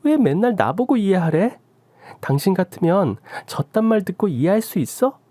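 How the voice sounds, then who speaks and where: A woman's voice: mid-range voice, very animated, moderate pace, warm tone, no room sound, clean studio sound. A woman voicing a fed-up young daughter-in-law who reproaches her husband in a radio drama. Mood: reproachful. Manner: pleading and reproachful.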